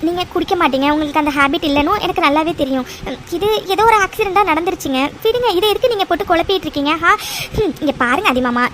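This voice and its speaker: A loving young wife from an animated story voiced by a woman, calming her husband down. Her voice sits high and her speech comes quickly. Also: a little hiss or hum. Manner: soothing, reassuring. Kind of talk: cartoon voice acting.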